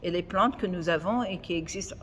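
An Irish woman in her sixties gives a conference presentation in French with a foreign Irish accent. Her voice is on the low side and she halts to correct herself. A large hall adds long reverb. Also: slight background noise. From Ireland. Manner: halting, self-correcting. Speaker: botanist giving a conference talk. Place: large lecture hall, indoors. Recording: echoey auditorium with long reverb.

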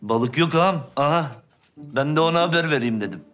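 An actor playing an excitable, rattled Ottoman fisherman explaining emphatically in a period drama. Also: fairly high pitch, brisk.

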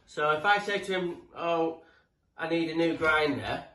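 His pitch is on the high side, his pace measured and his tone sharp: a British man in his forties chatting to camera as a tradesman with rambling tool advice. He's friendly, talkative and a little sweary. Recorded indoors in a living room, the camera sits a few feet away, so the sound is echoey and distant with background noise.

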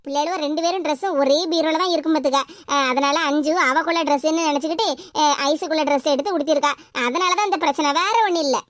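A woman's voice: sits high, fast talker, fairly bright tone, dry recording, voice pushed down. A woman voicing a harried middle-aged village mother of two daughters, with a Tirunelveli accent, explaining patiently in a cartoon. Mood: weary explaining. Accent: Tirunelveli Tamil. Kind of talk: animated cartoon voice acting.

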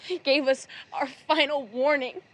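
An actress voices a bitter young woman whose family was slaughtered, high and clear in pitch. She speaks with cold, unforgiving resolve, grief sitting just under every word. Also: fairly even intonation, moderate pace, natural voice. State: crying. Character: grieving young woman avenging her slain family.

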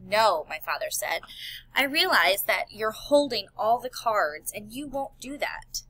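A woman's voice: mid-range voice, very animated, unhurried, sharp tone, no echo, exaggerated voice, rough recording. A woman voicing an earnest male elephant scientist and worried father in an audiobook. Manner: earnest, pleading.

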